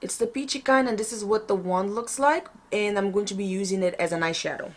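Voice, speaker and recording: A woman's voice: medium pitch, a little fast. Chatty woman doing a casual makeup tutorial. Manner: chatty, informal, thinking aloud. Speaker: makeup vlogger.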